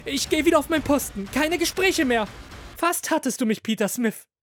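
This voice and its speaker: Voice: high-pitched, expressive, normal speed, faint music behind, pitched above the performer's own voice. A narrator voicing a nervous young male guard who whispers and hisses warnings in a horror audio drama. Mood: panicked. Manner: anxious, hissing, insistent.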